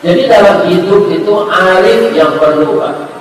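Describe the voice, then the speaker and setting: A man's voice: high-pitched, unhurried, slight background noise. A middle-aged man preaching in a mosque, joking with the congregation and telling a moving story. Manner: folksy, jokes with the congregation, tells a moving story. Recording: distant echoey mosque hall recording.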